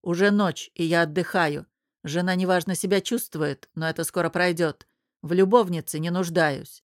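A woman's voice: lowish voice, steady tone, moderate pace, dry recording, clean studio sound, close to an everyday voice. A woman reading an audiobook, voicing a male emperor who speaks in curt, self-assured, commanding lines.

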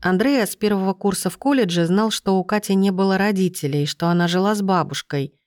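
A woman reading a novel aloud as narrator, in a steady, even storytelling manner. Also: mid-range voice, brisk, dry recording, studio quality. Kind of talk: audiobook narration.

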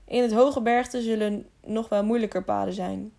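A woman voicing a brave, steady young man traveling in the mountains in a storybook reading. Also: medium pitch, moderate pace, vocal fry, close to an everyday voice. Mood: calm.

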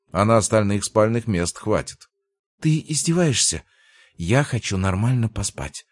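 A man reading the lines of an affectionate, stubborn young girlfriend in an audiobook, with his voice lightly raised and lively. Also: on the low side, dry recording, voice pushed up.

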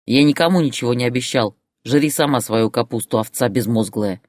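This dry recording has a storyteller voicing a raging husband, a bully who bellows and snaps out insults, as an audiobook character. The delivery sits at a medium pitch, moves at a moderate pace, and is only lightly acted.

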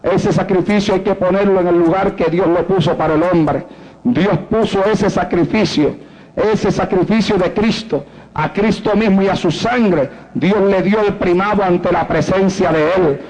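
A man's voice: high-pitched, normal speed, darkish tone, rough recording. A male pastor preaching a fervent sermon, hammering points through repetition.

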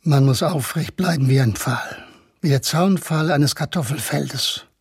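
A man's voice: fairly high pitch, a little slow, husky, no room sound, studio quality, exaggerated voice. A man playing a grieving man who cannot cry in a radio drama, speaking in a strained way.

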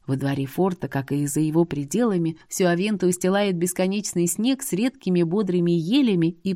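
A woman narrating a first-person audiobook in a steady, even storytelling manner. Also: on the low side, dry recording, studio quality.

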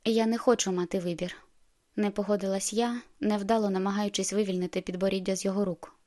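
A woman reading a novel aloud as first-person narrator, expressive and lively in the heroine's outbursts. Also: medium pitch, quick pace. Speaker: audiobook narrator.

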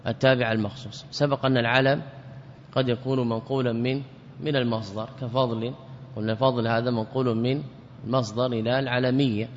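A man's voice: medium pitch, a little mellow, slight background noise. A man giving a classical grammar lesson, who explains by repeating words and asking himself questions. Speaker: teacher of Arabic grammar. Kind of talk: classical lecture. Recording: dull lo-fi audio with reverb.

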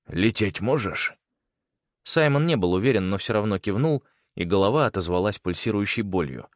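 A man reading an audiobook in scripted narration, expressive and voicing each character. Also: fairly low pitch, fairly quick, no room sound, clean studio sound.

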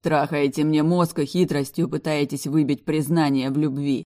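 Audiobook, woman voicing a haughty mocking man, low voice, dark tone, rude and condescending. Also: level tone, normal speed, natural voice. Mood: sneering. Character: arrogant mocking adult man, domineering bodyguard type. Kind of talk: audiobook character voice.

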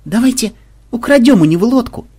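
Man voicing a brisk, practical young woman. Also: extremely high pitch, animated, dark tone, breathy edge, pitched above the performer's own voice, full character voice. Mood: plotting. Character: quick-thinking young woman teammate, practical planner.

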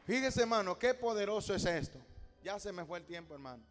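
High-voiced preacher in a reverberant hall. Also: male voice, expressive, fairly quick, faint music behind. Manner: storytelling, rising to loud exhortation. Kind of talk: sermon.

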